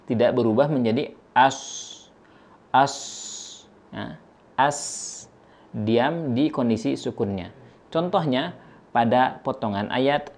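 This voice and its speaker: A man gives an instructional lesson at a slow pace in a mid-pitched voice. He over-enunciates, shaping each sound deliberately and carefully, as a recitation teacher does. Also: darkish tone.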